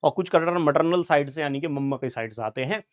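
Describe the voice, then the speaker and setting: A young man with a slightly high voice teaches biology in an online exam-prep lecture, speaking at a quick pace. Chatty and informal, he constantly checks in with students, asking "right, sir?"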